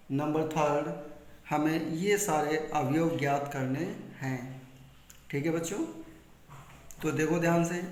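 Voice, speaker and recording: Higher-voiced Hindi teacher in an echoey room. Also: male voice. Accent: Hindi-speaking north Indian. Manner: repeats key points and quizzes students with questions he answers himself. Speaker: maths teacher. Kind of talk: classroom lesson explaining step by step.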